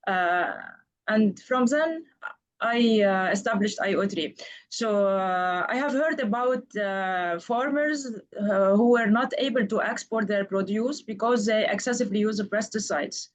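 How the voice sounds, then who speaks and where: A woman's voice: mid-range voice, measured pace. A woman from Lebanon, a startup founder speaking on an online panel over an unstable mobile data connection, explaining earnestly step by step. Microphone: video call over 4G.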